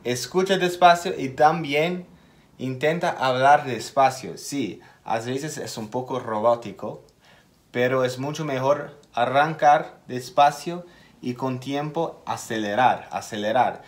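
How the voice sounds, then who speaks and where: A man giving a casual video lesson as an English teacher. He speaks slowly and deliberately, repeats key words and makes small slips in his Spanish. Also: medium pitch.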